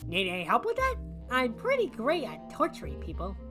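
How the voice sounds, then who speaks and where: A woman's voice: on the high side, huge pitch swings, fairly quick, music in the background. A woman voicing a hyperkinetic, gleefully violent cartoon rabbit in a fan animation, wisecracking and flippant.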